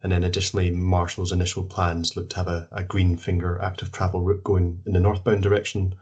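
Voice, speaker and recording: Low, even-toned, slightly husky man. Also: quick pace. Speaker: project team member. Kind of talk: formal meeting explanation.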